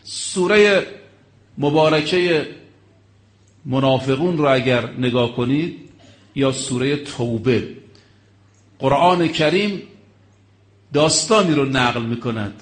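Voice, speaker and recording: A man's voice: medium pitch, pauses often, roomy sound. A man preaching a religious sermon, telling stories dramatically, acting out the quoted speech and rising to emphatic exclamations.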